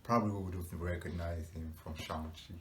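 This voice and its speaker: Deep-voiced man, casual reaction host, thinking aloud, faint background noise. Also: steady tone, normal speed, a bit bright. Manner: musing, rhetorical questions, frequent fillers and laughs.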